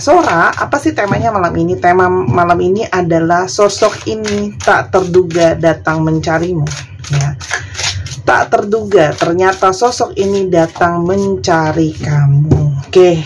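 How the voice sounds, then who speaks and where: A woman from Indonesia doing a tarot reading in a chatty, casual way, sometimes soft and dreamy, sometimes firm. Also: lowish voice, noisy background. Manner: chatty, soft and dreamy at times, laughing asides. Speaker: tarot reader.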